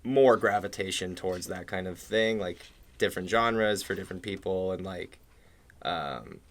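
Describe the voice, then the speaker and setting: A young band member from Georgia, USA, chats casually in a radio interview, rambling and saying "like" constantly. His voice sits low and he talks at a normal speed.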